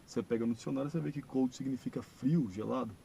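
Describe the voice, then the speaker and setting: A man with a Brazilian Portuguese accent teaching an English video lesson, explaining patiently and slowing down to model phrases. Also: mid-range voice, gravelly, warm tone, a little hiss or hum, rough recording. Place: church classroom.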